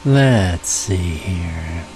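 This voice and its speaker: A soft-spoken, folksy man telling ghost stories in an unhurried ASMR style, sometimes dropping into a whisper. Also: deep voice, animated, noisy background. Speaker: storyteller, ASMR host.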